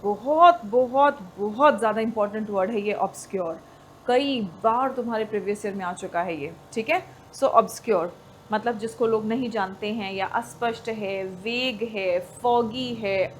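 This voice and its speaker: A woman with a notably high voice teaches exam vocabulary in a patient, repetitive way, spelling words letter by letter. A faint hiss of background noise sits under her voice. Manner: explains slowly, repeats "ठीक है?" often, spells words out. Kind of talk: Hindi-English vocabulary lesson.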